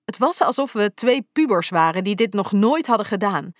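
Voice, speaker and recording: A woman narrating a first-person romance story in a calm, intimate storytelling manner. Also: mid-range voice, normal speed, no echo, studio quality. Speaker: audiobook narrator.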